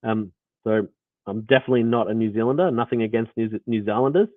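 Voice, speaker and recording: Through tinny, phone-like audio that's otherwise dry, a developer with an Australian accent and fairly low pitch talks at a quick pace. His live code walkthrough rambles, packed with fillers and restarts.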